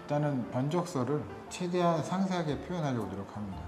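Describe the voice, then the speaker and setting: A man who heads an interior design firm, explaining renovation details in a brisk, technical, matter-of-fact way. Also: on the high side, big pitch swings, roomy sound, over music. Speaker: interior design company head.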